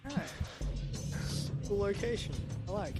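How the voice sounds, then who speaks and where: Higher-pitched man, casual game commentary. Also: expressive, measured pace. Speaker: let's play commentator. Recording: loud game music and sounds behind. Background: game music and sounds.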